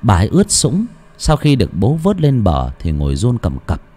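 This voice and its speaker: A man's voice: normal speed, husky. A man narrating a horror story for an audiobook, telling it expressively. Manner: expressive storytelling with wide swings in pitch. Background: faint music.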